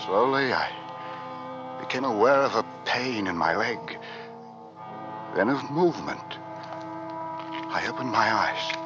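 A man's voice: fairly low pitch, animated, takes it slowly, long pauses, highs cut off, music in the background. An actor playing a young sailor who narrates his Arctic ordeal in an earnest, grave manner, in old-time radio drama style. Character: young male sailor stranded on Arctic ice, steady and grave.

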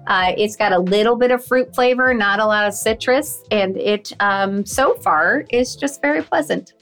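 Relaxed woman, podcast co-host, casual and unhurried. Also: medium pitch, faint music behind. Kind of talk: casual chat.

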